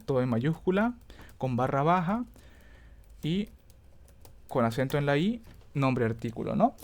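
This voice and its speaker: Casting: male instructor, mid pitch, patient step-by-step lesson, frequent check-ins, thinks aloud and self-corrects. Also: darkish tone. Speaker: teacher. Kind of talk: screen-recorded coding lesson.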